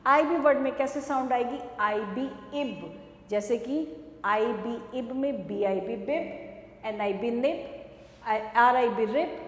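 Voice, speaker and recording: Woman, Indian English accent, kindergarten teacher, drawn-out phonics, high voice, echoey room with long reverb. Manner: drawn-out sounding of words, questioning the class. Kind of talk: slow phonics lesson for young children.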